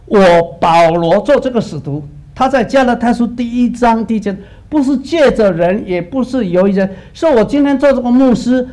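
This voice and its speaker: A middle-aged male pastor preaching a sermon, telling lively stories and acting out the dialogues. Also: high voice.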